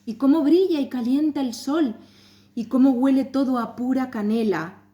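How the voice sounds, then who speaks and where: A woman's voice: high-pitched, normal speed, mellow, dull audio, voice pushed up, lightly acted. A woman voicing a cheerful, unsuspecting father in a contented, musing tone.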